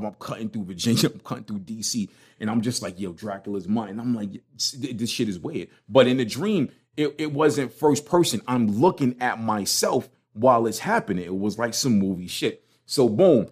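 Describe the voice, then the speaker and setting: A man's voice: mid-range voice, breathy edge. A man with a Brooklyn accent hosting a casual solo podcast in a slangy, emphatic, conversational way. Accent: Brooklyn, New York. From Brooklyn, New York. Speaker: podcast host.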